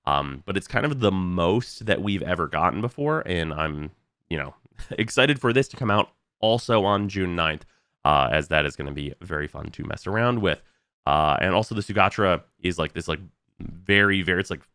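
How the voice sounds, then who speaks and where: A gaming video creator casually walks through a game update, his voice stuffy and nasal from a recent illness and full of fillers. The young man's tone is deep, slightly bright and clean, recorded with a studio sound and no room echo.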